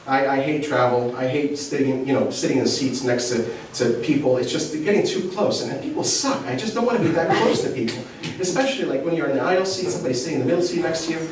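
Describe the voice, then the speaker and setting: Speaking quickly with few pauses, this mid-range male comic from Egypt works a comedy club crowd, poking fun at himself and regularly quizzing the audience in a conversational way. The echoey room is picked up from a distance, full of laughter and background noise.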